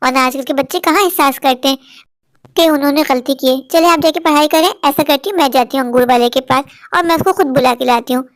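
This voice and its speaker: A woman voicing a patient cartoon mother who explains things softly and calmly. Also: high-pitched, fast talker, dry recording, studio quality, voice pushed down. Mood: gentle. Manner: soft calm explaining.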